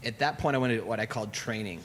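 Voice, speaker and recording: A man's voice: on the low side, very fast, a little hiss or hum. A man who owns a brewery, telling a long personal story in a casual way and acting out the dialogue. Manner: animated, acts out quoted dialogue. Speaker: brewery owner.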